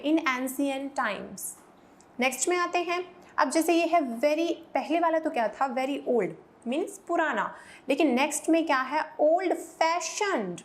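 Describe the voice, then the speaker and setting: A woman with a high voice teaches English vocabulary in a lesson. She explains each word in Hindi, then reads the English example sentences slowly and carefully. Now and then she urges the viewers to repeat each pronunciation aloud with her.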